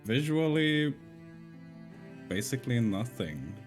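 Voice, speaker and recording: A man's voice: mid-range voice, big pitch swings, slow, music in the background. A man taking part as a player in a tabletop game, hesitant and thinking aloud as he describes his moves. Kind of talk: casual tabletop play.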